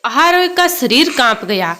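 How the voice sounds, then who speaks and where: A woman's voice: sits high, sing-song, a little slow, sharp tone. A woman narrating an emotional storybook tale in a dramatic reading style.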